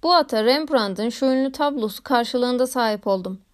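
Woman narrator, audiobook of a classic novel, measured literary reading, high voice. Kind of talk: scripted narration.

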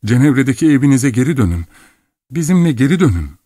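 A man's voice: medium pitch, big pitch swings, quick pace, dry recording, studio quality, pitched above the performer's own voice. A man voicing a distraught young woman pleading with her father. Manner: pleading, cries out.

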